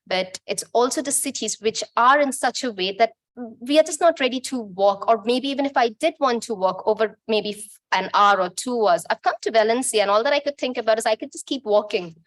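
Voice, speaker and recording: Speaking a little fast, this woman has a voice on the high side. She's a Bangladeshi conference presenter who keeps her talk informal and chatty, frequently pausing to correct herself.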